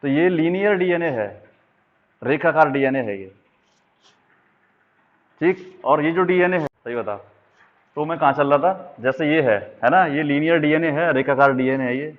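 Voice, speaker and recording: A man's voice: on the high side, normal speed, long pauses. Man teaching over a tinny line. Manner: explaining while drawing diagrams, frequent check-ins. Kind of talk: exam-prep biology lesson. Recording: tinny phone-like sound.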